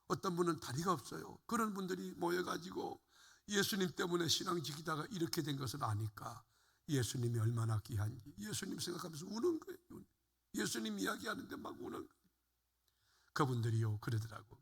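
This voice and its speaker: Older pastor preaching in a reverberant sanctuary. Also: male voice, fairly high pitch, creaky, a bit bright, breathy edge. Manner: fervent preaching, rising and falling emphasis, addresses congregation. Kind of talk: sermon. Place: church sanctuary. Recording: long hall reverb.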